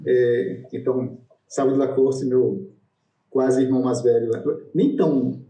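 Over a video call, a man with a medium-pitched, mellow voice hosts an online panel in a flat, unhurried way. He rambles casually with restarts and hesitations in this casual discussion, and the room sounds echoey.

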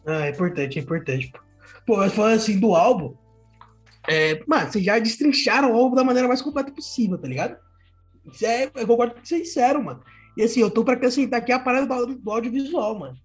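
A man's voice: very high-pitched, quick pace. A young adult man with a Brazilian Portuguese accent, talking casually about music as a podcast panelist, in an informal, slangy way with some swearing.

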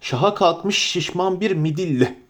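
A man with a notably high voice reads an audiobook. He tells the story at a measured, even pace. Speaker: narrator. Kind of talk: audiobook reading.

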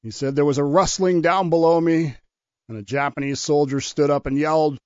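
A man's voice: fairly high pitch, steady tone, a little fast, a little mellow, no room sound, close to an everyday voice. Joke figure: an eager young soldier, played by a man. Dull, dry radio sound.

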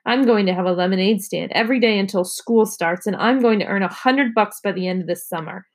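A woman's voice: mid-range voice, fairly quick, natural voice. Woman doing a sulky, taunting schoolboy. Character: hot-tempered fourth-grade boy, rivalrous.

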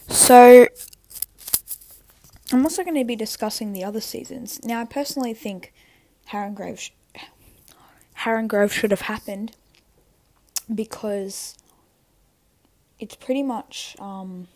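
A young woman sick with tonsillitis, chatting casually and haltingly on a solo podcast, rambling and interrupting herself. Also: fairly high pitch, dark tone. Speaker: podcast host.

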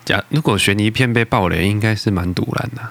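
Casting: very low-voiced Taiwanese-accented man, easygoing podcast partner in casual conversation, answering briefly. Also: quick pace, fairly bright tone. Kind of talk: casual chat.

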